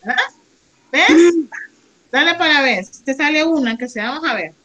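A woman's voice: high voice, animated, normal speed, pushed and bright, rough recording. A woman English teacher with a Panamanian Spanish accent, coaching students in an online class, encouraging and praising, switching between Spanish and English.

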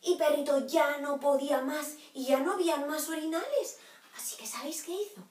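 A woman teacher telling a children's story, animated, dropping to hushed whispers and breaking into sudden exclamations. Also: high voice, fairly quick. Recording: roomy echo, from far off.

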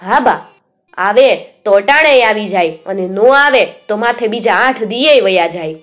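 A soft, homely elderly village mother speaks, as a woman storyteller puts her on. Her manner stays kind, gentle and generous, with quiet warmth toward guests. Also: mid-range voice, animated, measured pace, soft background music.

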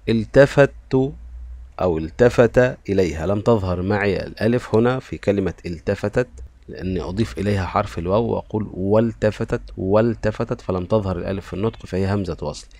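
A man with a low-pitched voice teaches children a spelling lesson, pausing to sound out each word and say it again. The recording is dry and close, with no room sound. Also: darkish tone, no room sound. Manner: slow and repetitive, sounding out words.

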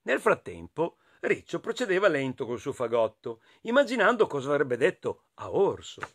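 An expressive man with an Italian accent reads a picture book to children. His voice sits high and moves constantly, rising and falling with the story. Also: normal speed. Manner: expressive, playful, talks to listeners.

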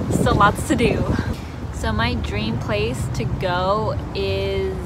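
A young woman from Indonesia talks to the camera in a relaxed Q&A, loose and chatty, with plenty of ums and little asides. She is recorded outdoors among trees by a river, with loud wind and boat noise behind her voice. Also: mid-range voice. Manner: chatty, many ums and you-knows. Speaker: travel vlogger. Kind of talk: casual Q&A chat to camera.

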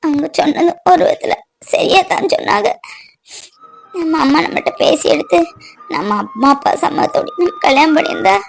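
A woman's voice: fairly high pitch, fairly bright tone, soft background music, lightly acted. [name], a woman voicing a tearful young wife. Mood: sad. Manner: emotional, pleading, then covering up with brisk denials. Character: young married village woman, homesick and tearful. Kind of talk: cartoon voice acting.

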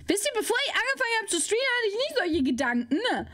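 A woman's voice: extremely high pitch, very animated, fast, a bit bright. A young woman streaming as a VTuber, chatting with her viewers and protesting in dramatic squeals. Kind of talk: live stream reaction chat.

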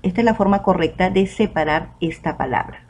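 Patient woman teacher explaining slowly. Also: fairly low pitch, darkish tone. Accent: Peruvian Spanish. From Peru. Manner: clear, patient explaining to children, stretches out example words. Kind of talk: recorded online school lesson.

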